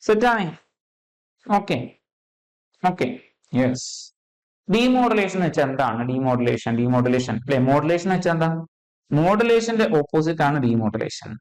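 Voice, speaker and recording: Male tutor, slightly higher voice, keeps asking if students follow. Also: big pitch swings, rough recording. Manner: checks in constantly with quick questions, repeats key terms. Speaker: physics teacher. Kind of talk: exam-prep lecture.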